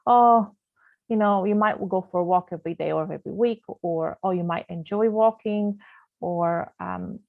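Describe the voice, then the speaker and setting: With a lowish voice and a moderate pace, a Canadian woman who isn't a native English speaker gives an online grammar lesson, explaining patiently amid many fillers and restarts. The video call sounds tinny and phone-like, dry and free of room echo.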